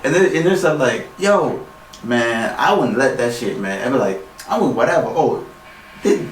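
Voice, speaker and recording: A man's voice: medium pitch, animated, moderate pace, echoey room, far from the mic, a little hiss or hum, poor audio. Man set back from mic, slangy rambling. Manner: rambling, loose street slang, acts out quoted lines. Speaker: podcast co-host. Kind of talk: casual chat.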